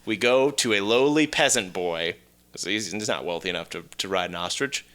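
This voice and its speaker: A podcast co-host with a lowish voice speaks at normal speed, with slight background noise. Playful, animated and mildly crude, he tells stories and banters casually with his friends.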